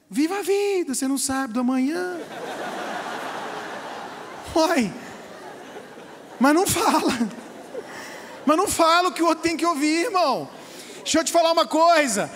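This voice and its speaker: High-pitched male pastor preaching, loud then quiet, long echo from a big church hall. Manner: lively, swings between quiet asides and loud emphatic lines. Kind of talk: sermon. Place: church auditorium.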